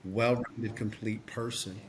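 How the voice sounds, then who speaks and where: A man's voice: on the low side, fairly even intonation, measured pace, slight background noise. A man, a podcast guest and coach, tells a personal story earnestly, with lots of fillers and restarts.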